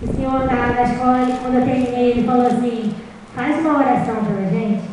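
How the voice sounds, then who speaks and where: A woman giving a sermon testimony, telling her story lively and acting out the dialogue, recorded in a church. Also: a little high, fast, soft background music. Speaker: guest preacher. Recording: echoey church hall from far off.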